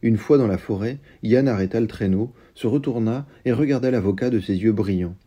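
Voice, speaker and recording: A man with a deep, dark and mellow tone reads a story aloud at a steady, measured pace. His voice has a husky grain to it. He sounds like a literary reviewer sharing a passage from a novel. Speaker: book reviewer and reader.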